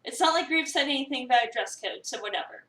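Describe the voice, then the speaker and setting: This woman streamer talks fast and expressively, her voice sitting high and a bit bright as she acts out a visual novel's script and chats casually in between. She's positioned far from the mic, and the room adds echo.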